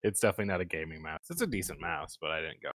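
A man's voice: a bass voice, lively intonation, racing, a bit bright, no room sound, clean studio sound. A man hosting a casual gaming podcast, upbeat and chatty as he runs the introductions and asks questions. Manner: upbeat, chatty host who reads the intro. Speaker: podcast host.

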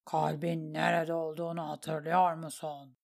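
A woman voicing a wounded, hulking male warrior who speaks low, curt and scornful. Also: flat delivery, a little slow, creaky, darkish tone, full character voice. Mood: gruff.

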